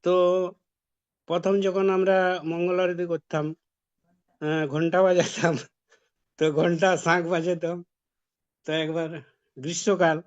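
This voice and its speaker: High-voiced man preaching through a story. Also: little pitch movement, a little slow, pauses often. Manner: conversational storytelling. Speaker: devotee preacher. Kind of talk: devotional talk with a personal story. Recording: dull lo-fi recording.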